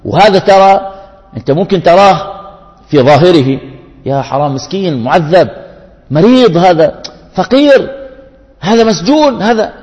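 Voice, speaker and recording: A man delivers an earnest sermon, pressing his listeners with rhetorical questions and illustrating each point with a story. His voice sits a little high for a man, and it rings out in a long hall reverb. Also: expressive, normal speed, long pauses, darkish tone, dull audio. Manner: earnest, addresses the congregation with rhetorical questions and anecdotes. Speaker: preacher.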